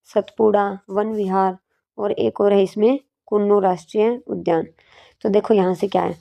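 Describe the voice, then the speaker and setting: A woman's voice: medium pitch, dark tone. A woman teacher giving an exam-prep lesson with memory tricks, asking questions and answering them herself.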